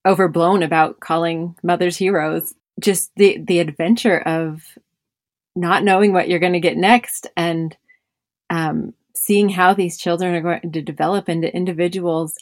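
A woman's voice: on the low side, fairly even intonation, moderate pace, dry recording, clean studio sound. A woman in her thirties, a mother of five and podcast host, talking reflectively in a casual conversation with many fillers.

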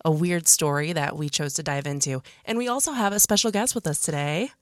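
A woman's voice: sits low, a little fast, no echo. A woman hosting a podcast, chatting casually and telling a story in a studio. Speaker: podcast host. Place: small dry podcast studio.

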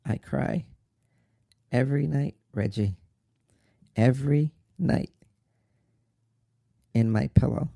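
An actor playing a grieving young man who talks in a slow, halting, tearful way about his mother. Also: mid-range voice, creaky, mellow, dry recording, studio quality. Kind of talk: dramatic monologue.

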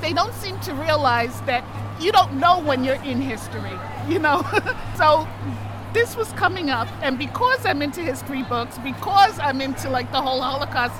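A woman gives a thoughtful, explanatory answer in a street interview. Her voice is high. Crowd noise and music fill the background. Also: lively intonation, normal speed, rough recording. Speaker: marcher interviewed.

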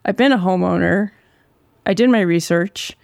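Gravelly, crackling voice with heavy vocal fry. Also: mid-range voice, moderate pace, a little mellow, dry recording, clean studio sound. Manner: candid, informal, occasional swearing. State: long-running sore throat. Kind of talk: casual personal storytelling.

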